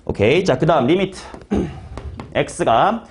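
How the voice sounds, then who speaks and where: A male math teacher giving a classroom lecture. His voice sits high and swings widely in pitch as he explains. He talks in a casual, slangy way and keeps putting questions to students by name. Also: expressive, slow.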